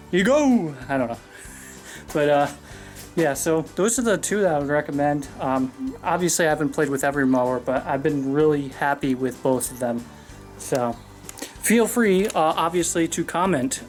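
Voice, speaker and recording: A man giving a casual, rambling mower review outdoors, out of breath and talking with many fillers. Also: on the high side. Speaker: lawn care video host. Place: outdoors on a lawn.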